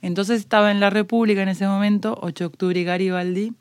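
A woman's voice: mid-range voice, fast talker, clear, resonant tone, no room sound, clean studio sound. A Uruguayan woman on a podcast, telling a story in casual chat and acting out the quoted dialogue. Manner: animated, acts out quoted dialogue.

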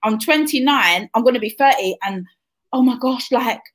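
A woman's voice: a little high, lively intonation, moderate pace. A woman in her thirties with a London accent, hosting a casual interview and chatting in an encouraging, friendly way. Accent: London English. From England. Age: 30s. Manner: chatty, encouraging, calls guest hun. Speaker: host.

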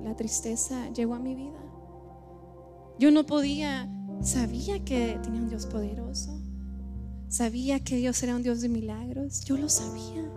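Woman, 30s, high voice, halting and heartfelt testimony in church over faint music. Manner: heartfelt, halting, repeats phrases. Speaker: church member giving testimony.

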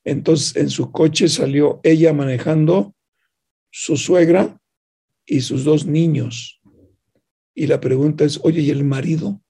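A man's voice: on the high side, steady tone, takes it slowly, gravelly, pauses often, dark tone, breathy edge. A man hosts a reflective radio talk, retelling a news story and voicing both sides of its dialogue. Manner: asks rhetorical questions of the listener. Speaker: radio program host.

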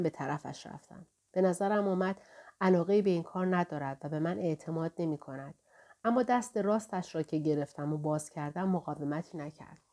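Woman reading a novel out loud, low warm voice, steady and measured. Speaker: audiobook narrator. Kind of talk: scripted narration of a novel.

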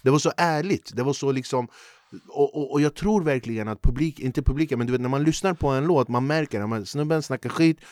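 A man's voice: medium pitch, a little mellow, no echo, studio quality. A man hosting a podcast in a laid-back, slangy way, asking questions and reacting briefly. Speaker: podcast host. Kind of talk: casual interview chat.

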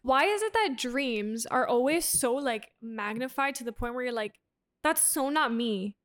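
A young woman with a bright, high voice chats casually as a podcast co-host. She tells stories with plenty of "like" and laughs often. Her delivery is loose and conversational. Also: lively intonation, a little slow. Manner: giggly, storytelling, heavy on "like". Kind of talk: casual chat.

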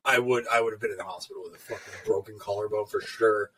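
A man co-hosting a casual podcast chat, telling stories in an animated way, swearing freely and laughing often. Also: on the low side, fast talker. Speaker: podcast co-host, tattoo artist.

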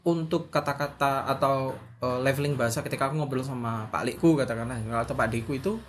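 A man's voice: mid-range voice, fairly even intonation, fast, slight background noise. A man from Solo hosting a casual podcast chat, asking questions and backing the others up with short murmurs. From Solo, Central Java. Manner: asks questions, frequent short backchannels. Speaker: podcast host.

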